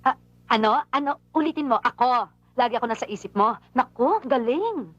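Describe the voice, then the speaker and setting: A woman's voice: on the high side, lively intonation, no echo, lo-fi sound. An actress playing an unmarried woman who scolds her long-absent lover in an emotional film scene. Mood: reproachful. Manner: emotional, reproachful, rapid complaining. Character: unmarried woman, hurt and longing, outspoken. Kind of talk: film drama acting.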